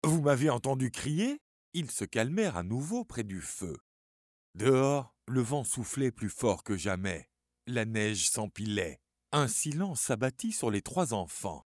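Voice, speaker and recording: Expressive male story narrator. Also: fairly low pitch, a little slow, dry recording, clean studio sound. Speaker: audiobook narrator.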